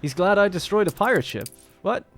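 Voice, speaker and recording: A man's voice: high-pitched, very animated, a little fast, fairly bright tone, faint music behind. A man hosting a let's play, talking casually and thinking aloud as he plays a strategy game. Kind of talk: gameplay commentary.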